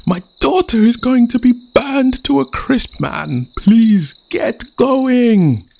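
A man's voice: expressive, slow pace, creaky, exaggerated voice. A man doing an exasperated village chief. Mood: frantic. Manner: loud, squeaky exclamations.

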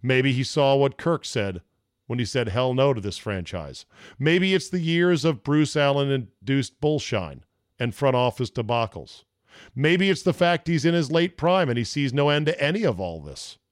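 A man in his fifties with a mid-range voice hosts a solo podcast, talking in a laid-back, freewheeling way and reading listener emails. He's a podcast and sports radio host, recorded dry at studio quality.

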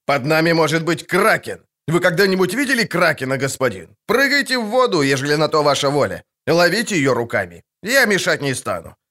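Man doing a cocky gruff sea captain, mouthy, talks back fast. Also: fairly high pitch, very animated, bright, forceful tone, voice pushed up. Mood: defiant. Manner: mocking, defiant. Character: gruff, defiant male ship captain. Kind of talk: audiobook character voice.

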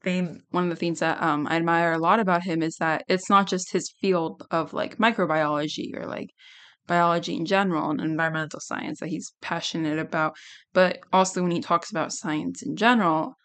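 Young woman podcaster, slightly hoarse, lower-pitched. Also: steady tone, fairly quick, a bit bright. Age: young adult. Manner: giggly, rambling, self-deprecating. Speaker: podcast host. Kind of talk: casual solo podcast chat.

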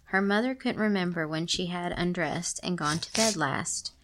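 A woman's voice: lowish voice, moderate pace, fairly bright tone. Woman reading a story with joking asides. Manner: playful, adds sarcastic comments to the text. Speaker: podcast host reading stories aloud.

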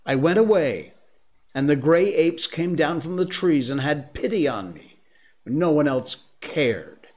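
A man voicing an excited young boy raised in the jungle, pleading and rushing his words together, in a storybook reading. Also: a little high, voice pushed up. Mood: hurt. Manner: pleading, excited, breathless run-on talk.

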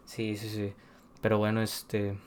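A man's voice: fairly low pitch, completely flat delivery, measured pace. A young man, co-hosting a casual chat show, bantering loosely with lots of slang. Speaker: podcast co-host.

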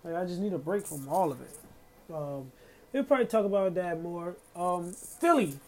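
A man's voice: high-pitched, moderate pace, a little mellow. Guy hosting his own pod, cursing and venting, loose slangy rant with lots of ums. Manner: profane, heated, talks through slang and fillers. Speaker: podcast host. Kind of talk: casual solo rant.

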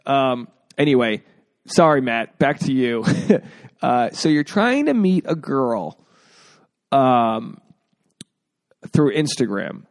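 A man's voice: medium pitch, very animated, slow, pauses often. A man hosting an advice podcast in a casual, rambling way, with jokey asides. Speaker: podcast host. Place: indoors at home.

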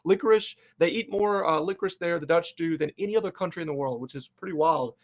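Talking at a quick clip, a man with a slightly high voice hosts a sports fan podcast. The interview banter is casual and cheerful, with lots of filler words.

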